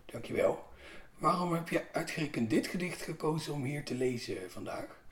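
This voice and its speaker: A man's voice: on the high side, normal speed, a bit bright, a little hiss or hum. A man hosting a poetry podcast, welcoming his listeners and his guest in a friendly way and asking him questions. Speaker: podcast host. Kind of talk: podcast interview. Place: indoor room. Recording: roomy echo with faint music.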